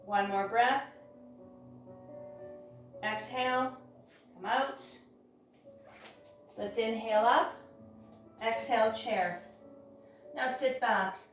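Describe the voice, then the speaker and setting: A woman teaching a hatha yoga class, guiding each step in a careful, unhurried way. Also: on the high side. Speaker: yoga instructor. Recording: very echoey room, distant mic, music.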